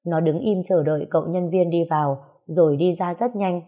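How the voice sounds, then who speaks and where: A woman narrating a story in a calm, measured way. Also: fairly low pitch.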